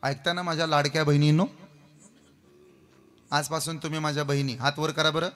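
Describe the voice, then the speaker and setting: A man's voice: on the high side, flat delivery, brisk, a bit bright. A man preaching a comic devotional kirtan, playfully teasing the crowd and leading call-and-response. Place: stage before a live audience. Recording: long hall reverb, faint music.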